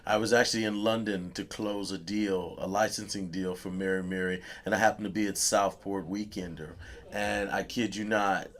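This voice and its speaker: A male radio host and DJ, chatting casually in an interview, effusive and quick to laugh. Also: fairly low pitch, steady tone, a bit bright. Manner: effusive, laughs often, repeats praise.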